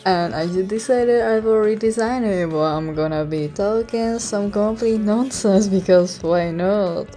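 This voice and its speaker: A young woman with a Czech accent rambles casually to her viewers, keeping her voice down at home. She is awkward and self-conscious, speaking very slowly in a soft, mellow tone, with faint music behind her. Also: mid-range voice. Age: young adult. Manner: keeping voice hushed so as not to be heard in the house. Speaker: online video creator. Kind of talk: casual rambling vlog chat.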